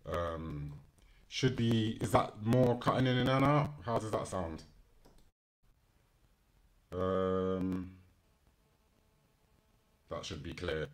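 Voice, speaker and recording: A low-voiced man hosts a casual live online news and chat show, apparently running it himself from a small studio setup. Unscripted and informal, he reads articles and thinks aloud between bits of news.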